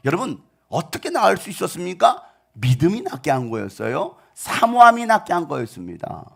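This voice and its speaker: A middle-aged male pastor giving an animated storytelling sermon, swinging from shouts to hushed asides. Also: high voice, a little fast, creaky, breathy edge.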